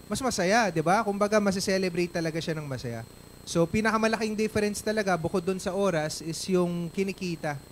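A man's voice: sits high, slight background noise. A Filipino man, a guest speaker at a company event, telling a personal story on stage in a chatty way, ending lines with tag questions.

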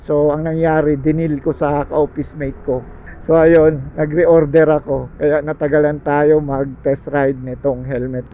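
A man's voice: fairly high pitch, little pitch movement, normal speed, narrow, tinny audio, slight background noise. A man from the Philippines vlogging a casual review while talking from inside a helmet he is wearing, chatting with viewers and calling them "guys".

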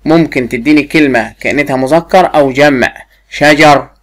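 A primary school teacher with a deep voice and an Egyptian Arabic accent gives a first-grade lesson. She drills a pupil with repeated questions, drawing her words out slowly.

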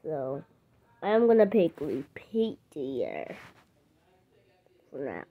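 A woman's voice: sits low, huge pitch swings, slow pace, narrow, tinny audio. A woman hosting her own channel, chatting casually and rambling in slang as she narrates her play. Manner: rambling, slangy, says "bro". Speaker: channel host.

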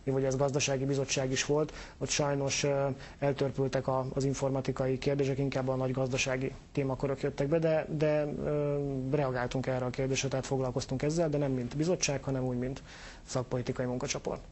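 Hesitant male official, halting speech. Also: medium pitch, little pitch movement, darkish tone, slight background noise. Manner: hesitant, many filler sounds. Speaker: government official guest. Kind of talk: TV interview answers.

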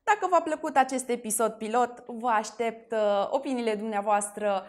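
Woman with a higher voice running a diction drill. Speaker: diction teacher. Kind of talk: tongue-twister diction exercise.

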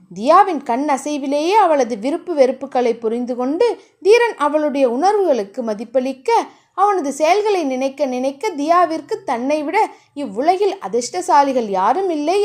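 Expressive, high-voiced woman narrator. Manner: expressive and animated. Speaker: audiobook narrator. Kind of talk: romance novel narration.

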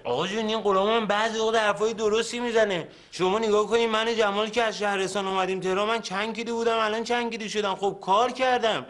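An actor in a TV drama playing a nervous young man who is desperately searching for his brother, with quick, pleading speech. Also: high-pitched, steady tone, a bit bright. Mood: joking. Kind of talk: Persian TV series acting.

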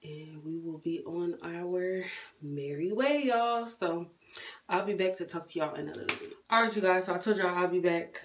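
A woman's voice: on the low side, normal speed, a little hiss or hum. Chatty woman vlogging from her car. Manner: chatty, keeps addressing viewers as y'all. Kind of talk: casual vlog chat. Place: in and around a car on a hot day.

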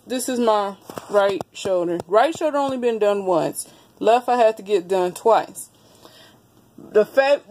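Woman, 30s, casual vlogger; chatty, laughs a lot, a bit higher voice, phone-camera sound in a small room. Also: darkish tone. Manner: chatty, laughs often, talks straight to viewers. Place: small indoor room with wood panelling. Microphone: phone camera held close.

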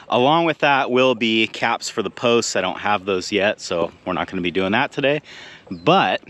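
A man's voice: fairly low pitch, pushed and bright. A man in his thirties, a rancher, casually explaining his work to a handheld camera outdoors. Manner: easygoing, practical, explains as he works. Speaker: rancher vlogger. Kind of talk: casual vlog narration to camera. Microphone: handheld action camera at arm's length.

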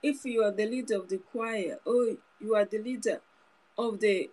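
A woman in her thirties preaches an informal, earnest sermon into her phone camera held close up in a small room, often repeating and restarting phrases. Her voice is medium-pitched and darkish at a moderate pace, and the recording is rough.

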